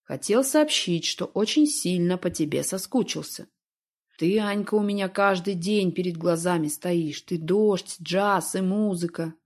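A woman reading an audiobook, voicing a calm, evasive man who talks in an unhurried, teasing way. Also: fairly low pitch. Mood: calm, coaxing. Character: calm, evasive middle-aged man, smooth talker.

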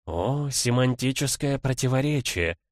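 A man voicing a thoughtful, explaining lioness in a storybook reading, slightly raised and measured. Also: medium pitch, lively intonation, no echo, clean studio sound, voice pushed up, lightly acted.

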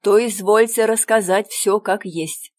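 A woman voicing a proud young gentleman in a storybook reading, indignant and clipped as he scolds. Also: sits high, steady tone, measured pace. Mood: stern. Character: stern proud young gentleman, quick to scorn.

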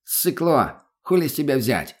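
A man's voice: mid-range voice, big pitch swings, unhurried, pitched above the performer's own voice. A man voicing a crude, mocking drug addict who swears constantly. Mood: cocky. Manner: foul-mouthed, cocky, mocking.

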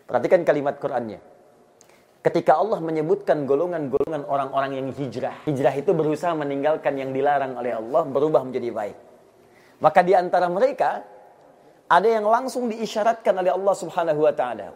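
A man preaching a sermon in a mosque, telling stories and moving between soft and raised passages. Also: a little high.

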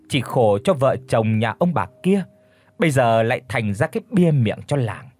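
A man narrating a dramatic story for an audiobook with expressive, emotional delivery. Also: medium pitch, slightly rough.

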